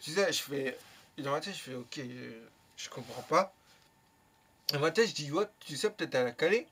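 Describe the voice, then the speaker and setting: Young male vlogger, bright and a bit high, tells a rambling anecdote full of slang and curses. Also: moderate pace, breathy edge. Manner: lively, slangy, swears freely. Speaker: YouTuber. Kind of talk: casual storytelling.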